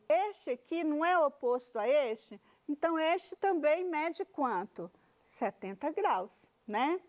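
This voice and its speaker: Brazilian lady math teacher, high voice, takes it slow, keeps asking the class questions. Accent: Brazilian Portuguese. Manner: explains step by step, poses questions, tags phrases with "né?". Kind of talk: televised classroom lesson.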